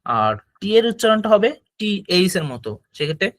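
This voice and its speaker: A man leads a classroom lesson on Chinese tones. His voice sits a little high for a man, and he explains patiently, saying syllables aloud for the students to copy. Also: very animated, a little fast, fairly bright tone. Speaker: Chinese language teacher.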